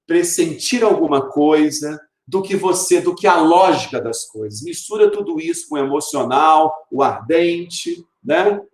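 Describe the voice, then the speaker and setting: Somewhat high-pitched and lively, this Brazilian male teacher speaks with a Brazilian Portuguese accent in an echoey room. His recorded literature video lesson is explanatory, with rhetorical questions he answers himself, and he slows down to read verse, emphasizing its sounds.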